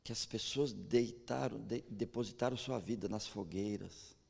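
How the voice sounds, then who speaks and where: A man's voice: on the low side, moderate pace, creaky, husky. A Brazilian man preaching a sermon with a Brazilian Portuguese accent, telling personal stories and often stammering into restarts. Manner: storytelling, animated, frequent stammered restarts. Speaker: pastor. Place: large church hall. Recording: echoey church hall.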